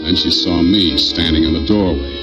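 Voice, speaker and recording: An actor playing a hard-boiled private detective in a 1940s radio drama, narrating in a dry, terse way. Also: male voice, sits low, normal speed, close to an everyday voice. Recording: dull old radio recording with music.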